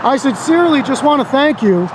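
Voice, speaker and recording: An American man in his fifties, a First Amendment auditor and videographer, narrates casually and earnestly to his camera outdoors beside a busy road. His very high voice has lively intonation and a fairly quick pace, with clear road and traffic noise behind him.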